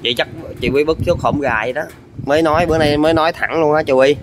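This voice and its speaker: A man's voice: a little high, fast talker, background noise. A man hosting a vlog, teasing the drinkers and narrating the scene to viewers. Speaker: vlog host filming the drinking session. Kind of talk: casual vlog commentary.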